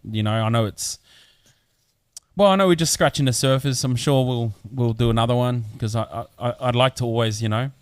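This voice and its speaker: A man's voice: mid-range voice, a little fast, clear, resonant tone, no echo, clean studio sound. A man with a broad New Zealand accent hosting a casual interview in a laid-back, slangy way. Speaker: podcast host.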